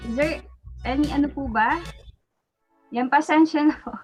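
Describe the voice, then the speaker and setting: Faint music can be heard behind a woman with a Filipino accent as she politely runs a casual live online webinar, thanking participants as she goes. Her voice is high and her pace moderate, captured over an online video call.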